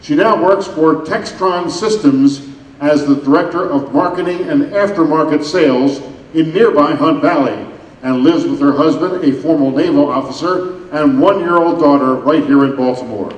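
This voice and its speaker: A male announcer reads a scripted introduction over a public-address system. His voice sits a little high and rings around a large hall, heard from a distance. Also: moderate pace. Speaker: event announcer. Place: large echoing sports venue.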